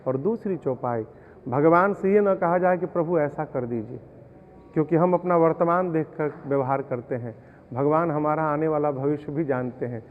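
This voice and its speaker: A man gives a preacherly devotional discourse in a fairly high voice. He explains verses homely examples, then chants them slowly. The sound is tinny and narrow, a long hall reverb behind it. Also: a little hiss or hum. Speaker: religious storyteller.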